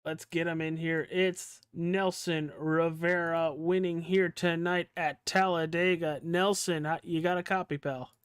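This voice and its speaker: A man hosting a racing broadcast, his voice sitting a little high and coming through smooth and clean. He talks to the drivers in a relaxed, chummy way, with a dry, close sound. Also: a little slow, hardly any pauses, dry recording. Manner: casual, friendly, calls drivers pal and dude. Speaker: race broadcaster. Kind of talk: post-race interview hosting.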